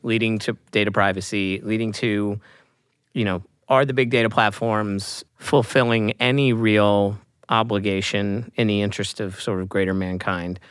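A man's voice: fairly low pitch, steady tone, moderate pace, a bit bright, clean tone, no room sound, clean studio sound. Wry middle-aged male podcast host. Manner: wry, joking, asks long rambling questions. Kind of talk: casual podcast interview.

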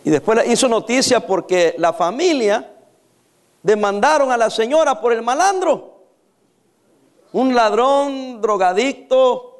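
A man's voice: very high voice, lively intonation, moderate pace. A man in his fifties preaching a sermon, teasing his congregation with jokes and dramatic stories. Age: 50s. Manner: joking, teasing storyteller.

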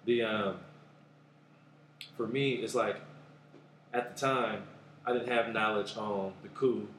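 A man with a Bay Area accent, a rapper talking casually in an interview, laid-back and rambling, often trailing off quietly. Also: on the low side, steady tone, slow, echoey room, a little hiss or hum. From Oakland, California. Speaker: guest rapper.

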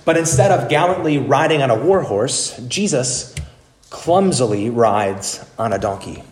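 A man's voice: medium pitch, lively intonation, measured pace. A man preaching a sermon as pastor, wry and conversational. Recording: roomy church echo.

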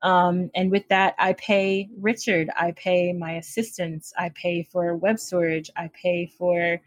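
A woman with a slightly low voice hosts a homemade podcast. She talks informally and jokily. The sound is a little echoey and off, as if from another room. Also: level tone, unhurried. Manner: informal, jokey, laughs readily. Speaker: podcast host. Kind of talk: casual chatty podcast introduction. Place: different room at a DIY home setup. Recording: slightly echoey makeshift room, air conditioner on.

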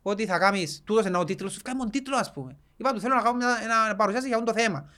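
A man's voice: high voice, bright, forceful tone. Easygoing Cypriot man telling stories. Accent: Cypriot Greek. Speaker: podcast co-host. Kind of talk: casual chat.

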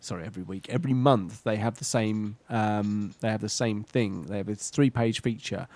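A man's voice: lowish voice, moderate pace, a little mellow, no echo. A man co-hosting a podcast, chatting casually, swearing freely and laughing often. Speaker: podcast co-host. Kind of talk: casual chat.

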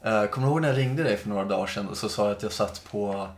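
A man in his twenties, a podcast co-host, rambling through a casual story and acting out the dialogue. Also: on the low side. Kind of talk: casual chat. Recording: echoey room.

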